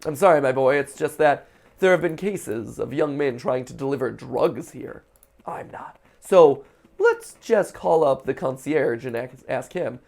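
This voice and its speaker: Brief: man doing a suspicious old neighbor for a game, prim, polite and slow, gravelly. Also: medium pitch, lively intonation, darkish tone. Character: suspicious elderly male neighbor, prim and nosy.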